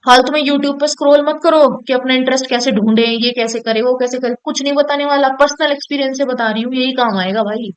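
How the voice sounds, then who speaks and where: A woman's voice: high voice, fairly even intonation, a little fast, hardly any pauses, clean tone, poor audio. A young woman, a student, giving casual motivational career advice straight to her viewers, direct and coaxing, often checking they follow. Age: young adult. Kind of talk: casual motivational talk to camera.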